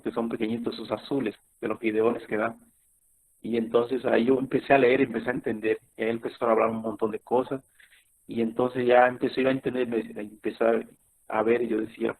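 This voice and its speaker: A middle-aged man giving a personal testimony, telling his story in a halting way with many fillers and restarts. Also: medium pitch. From Colombia. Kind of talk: spoken testimony to a youth meeting. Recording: tinny phone-like recording.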